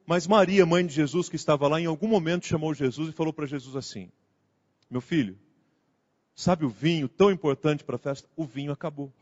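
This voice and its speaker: A male pastor giving a conversational sermon, acting out the quoted dialogue as he goes. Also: fairly high pitch. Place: church sanctuary. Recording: muffled sound with long hall reverb.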